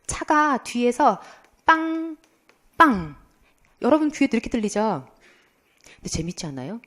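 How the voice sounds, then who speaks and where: A woman's voice: a little high, brisk. A middle-aged woman lecturing for an exam prep course, quizzing students and then answering her own questions in a playful way. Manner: lively, asks students questions and answers them herself; playful, imitates sounds and tells funny anecdotes. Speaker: Korean language lecturer.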